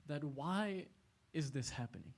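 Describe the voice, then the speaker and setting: A man lecturing a youth audience at an Islamic center in a casual, animated way. He laughs often and talks in a large indoor hall. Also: fairly high pitch, unhurried, creaky.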